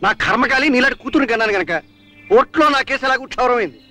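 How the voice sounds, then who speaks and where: Brief: a loud, catchphrase-spouting schemer of a rich dad, high bright voice, fast delivery. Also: male voice, heavily acted. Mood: scheming, blustering. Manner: catchphrase-repeating, blustering, loud. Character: scheming rich middle-aged father, blustering and comic. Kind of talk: 1980s film acting.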